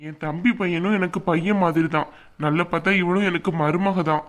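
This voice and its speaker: A woman's voice: lowish voice, fairly even intonation, fairly quick, lightly acted. A woman voicing an older male father-in-law in a cartoon, firm and fatherly. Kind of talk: cartoon voice acting.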